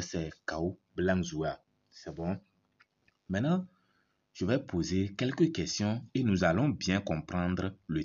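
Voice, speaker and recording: A man teaching a language through a read story, explaining each word slowly and checking that listeners follow. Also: low-pitched, a little mellow. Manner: slow, repeats words, asks "c'est bon?". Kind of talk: reading lesson, explaining a story. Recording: dull lo-fi recording.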